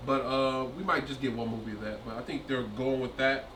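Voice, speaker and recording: A man's voice: mid-range voice, steady tone, a little fast. Man musing aloud in an echoey room. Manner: hesitant, thinks aloud with many fillers. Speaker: podcast co-host. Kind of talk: casual chat. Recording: echoey room, distant mic, faint noise.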